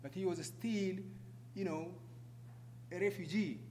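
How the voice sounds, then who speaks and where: A middle-aged or older man with an Ethiopian accent gives a halting public talk, often putting questions to his audience. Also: sits high, darkish tone. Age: middle-aged or older, over 44. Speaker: guest speaker, refugee advocate. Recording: echoey hall, clear background noise and hum.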